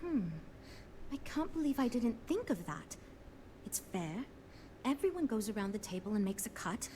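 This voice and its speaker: Game team leader: earnest, conciliatory, businesslike, animated delivery, slightly high. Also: female voice, normal speed, a little hiss or hum. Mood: earnest, relieved. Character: earnest, diplomatic woman leading a ship design team. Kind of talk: scripted game dialogue.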